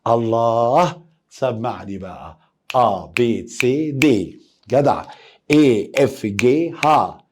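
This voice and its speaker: A man with an Egyptian Arabic accent teaching a lively lesson, playfully coaxing students to repeat letters after him. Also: medium pitch, slow, breathy edge. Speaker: German teacher.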